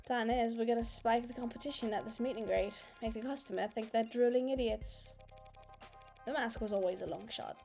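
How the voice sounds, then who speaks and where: Excitable woman reading game dialogue aloud. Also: on the high side, normal speed, vocal fry. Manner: animated and excitable, reacts aloud with laughs. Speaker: let's play gamer. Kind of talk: casual gameplay commentary, reading dialogue aloud. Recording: faint game music behind.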